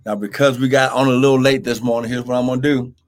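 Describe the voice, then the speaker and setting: A man's voice: medium pitch, little pitch movement, fast. A man preaching an impassioned live-streamed Bible sermon, exhorting emphatically with repeated phrases and drawing out scripture for weight.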